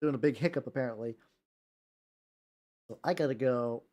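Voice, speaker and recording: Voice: medium pitch, normal speed, mellow. A livestream host chatting casually while painting miniatures, talking constantly in a rambling, foul-mouthed way.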